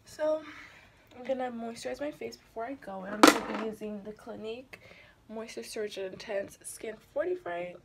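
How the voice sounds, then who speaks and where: A woman's voice: a little high, moderate pace, vocal fry, very noisy. A young woman chatting casually into her phone camera while getting ready for the gym, talking freely and swearing often. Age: young adult. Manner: chatty and profane, with many fillers. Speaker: vlogger. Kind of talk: casual vlog chat. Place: home, then car.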